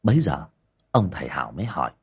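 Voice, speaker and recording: A man's voice: rumbling low, sing-song, quick pace, slightly rough. A man narrating a horror story with dramatic storytelling. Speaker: audiobook narrator.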